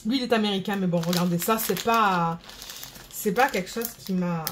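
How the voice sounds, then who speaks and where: A woman's voice: fairly high pitch, a little hiss or hum. A woman vlogger chatting casually, rambling and searching for words while she sorts craft beads. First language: French. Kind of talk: casual chat.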